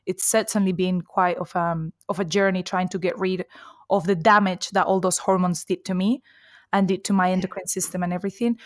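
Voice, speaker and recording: Guesting on a casual podcast, a nutritional therapist from Colombia in her forties talks fairly quickly in a fairly low voice with fairly even intonation, laughing often. A native Spanish speaker, she has a mixed Colombian and Spanish-tinged accent in English, recorded at studio quality with no room sound.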